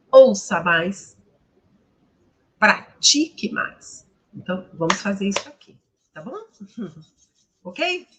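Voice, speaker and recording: A Brazilian woman with a Brazilian Portuguese accent, teaching English pronunciation in an online lesson and repeating words slowly for her students to copy. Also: mid-range voice, breathy edge.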